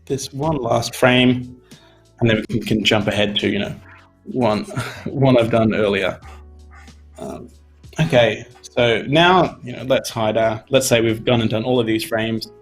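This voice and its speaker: A young Australian man teaching animation on a casual live stream speaks a little slowly, with long pauses, in a medium-pitched voice that's getting tired. He's chatty and leans on "you know" often, using a desk mic in his home studio. Soft background music plays.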